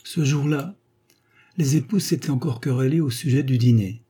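Guy reading a funny old short story, husky, low-key mellow tone. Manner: measured, lightly comic storytelling. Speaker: narrator.

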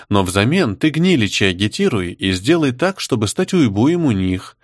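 A man voicing a bossy, scheming clan matriarch who speaks slowly and firmly, in an audiobook reading. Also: on the low side, no echo, clean studio sound. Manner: commanding, slow and deliberate.

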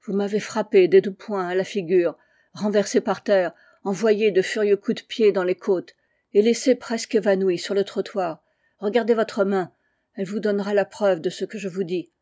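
A woman's voice: medium pitch, steady tone, moderate pace, dark tone, close to an everyday voice. A woman voicing a battered male friend in a storybook reading, speaking with difficulty through swollen lips. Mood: grave. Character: alarmed middle-aged male friend, bruised.

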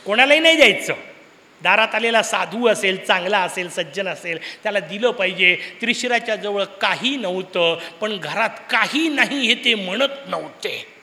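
A man's voice: high-pitched, sharp tone. A man giving a devotional discourse to an audience, telling a story with humor, rhetorical questions and sudden emphatic bursts, with a Marathi accent. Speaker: preacher of a discourse series. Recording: hall with long reverb.

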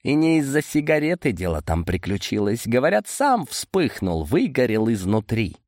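A man's voice: mid-range voice, very animated, moderate pace, no room sound, studio quality. A man voicing an angry, scheming male heir who is sarcastic and petulant in an audiobook. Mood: irritated. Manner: petulant, sharp outbursts. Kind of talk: audiobook character voice.

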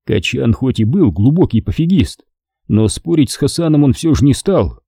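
Man, audiobook narration, animated delivery, mellow tone, dry recording. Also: medium pitch, dry recording. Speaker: audiobook reader.

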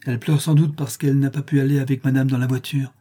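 A fussy nursemaid scolding her young charge, read by a man. His voice is dark and husky. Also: medium pitch, level tone, fast, natural voice.

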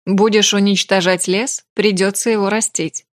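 A woman reading the lines of a calm young male mage who coaxes and mentors. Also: mid-range voice, normal speed, no echo, clean studio sound, natural voice. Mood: coaxing.

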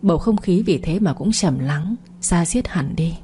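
A woman reading a story aloud in a steady, measured way. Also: fairly low pitch, slight background noise. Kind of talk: scripted audiobook narration.

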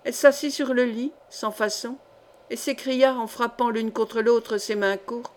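A woman reading a literary short story aloud in a measured, steady narration. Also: a little high. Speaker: audiobook reader.

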